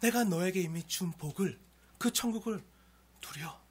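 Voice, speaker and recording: A man preaching a sermon as pastor, moving between loud pleading and hushed, near-whispered lines. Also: high-pitched, expressive, normal speed, slightly rough.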